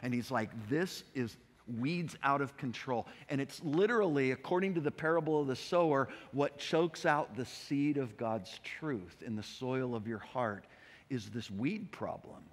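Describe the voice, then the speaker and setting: A male pastor giving a conversational, animated expository sermon, often repeating himself. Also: medium pitch, a little slow. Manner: conversational, animated preaching with repetitions. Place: church sanctuary. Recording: long hall reverb.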